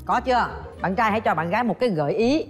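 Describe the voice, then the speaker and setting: A woman's voice: mid-range voice, expressive, faint music behind. Teasing woman host. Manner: teasing, chatty, quick to joke. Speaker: dating show host. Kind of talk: playful show hosting. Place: studio set of a dating show.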